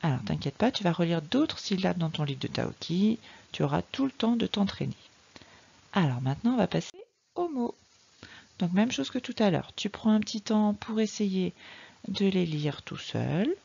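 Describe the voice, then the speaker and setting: Female primary teacher reading syllables with a child, lively sing-song, gravelly edge. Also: medium pitch, dull audio. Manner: patient, slow and explanatory, addressing one child. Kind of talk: recorded reading lesson for young children.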